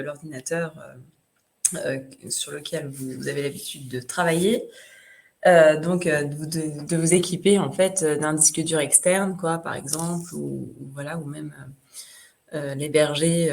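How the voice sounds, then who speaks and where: A woman co-presenting an online workshop, adding practical advice in a quick, hesitant way with fillers. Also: low voice, vocal fry.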